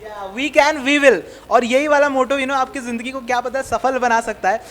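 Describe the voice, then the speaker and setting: A man's voice: very high voice, steady tone, fairly quick, a bit bright. A man interviewing people at a blood donation camp, upbeat and encouraging, mixing in English words as he talks. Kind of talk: casual on-location interview.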